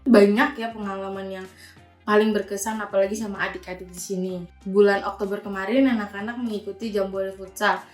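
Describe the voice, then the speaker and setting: A woman's voice: medium pitch, fairly even intonation, brisk. Young woman, early twenties, volunteer teacher, casual chatty interviewee, echoey room. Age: 20s. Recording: roomy echo with faint music.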